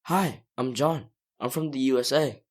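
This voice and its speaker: A friendly American schoolboy from a textbook audio dialogue. The voice sits very low and deep. He answers in plain, simple sentences. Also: moderate pace, darkish tone. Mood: matter-of-fact. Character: friendly American schoolboy telling about his banjo.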